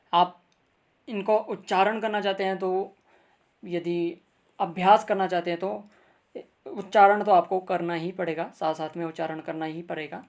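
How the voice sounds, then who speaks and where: Slow, careful male teacher. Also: sits high. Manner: careful, drawn-out recitation of word forms; patient, addresses viewers directly. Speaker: Sanskrit grammar teacher. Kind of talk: recorded video lesson.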